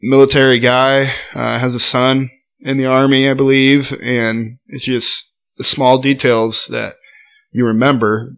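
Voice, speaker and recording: A man's voice: medium pitch, little pitch movement, a little slow, gravelly, fairly bright tone. A young man, a podcast guest, telling stories in casual chat, loose and full of fillers, recorded in a garage studio. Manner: loose and chatty, full of "like" and "I mean". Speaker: podcast guest, college golfer.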